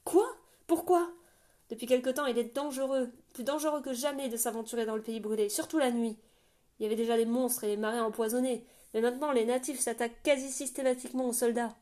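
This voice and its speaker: A woman voicing a commanding male fortress captain who barks loud orders in an audiobook. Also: on the high side, steady tone, fast, natural voice. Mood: stern. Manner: loud, authoritative, clipped orders.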